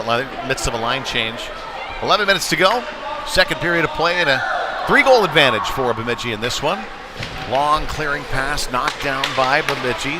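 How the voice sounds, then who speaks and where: At an indoor rink, a man with a medium-pitched voice calls live play-by-play for a youth ice hockey game. Loud rink ambience and bangs fill the background.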